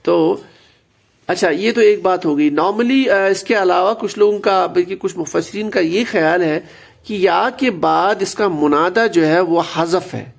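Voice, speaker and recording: In a high, gravelly voice, a man teaches an Arabic grammar lesson. He is patient and explanatory, repeating key words and working in English terms along the way.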